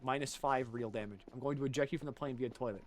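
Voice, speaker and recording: A man with a cold chatting casually while streaming a game, rambling and swearing, swinging from mumbled asides to loud jokey bits. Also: mid-range voice, fast. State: has a cold. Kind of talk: casual gaming stream chat.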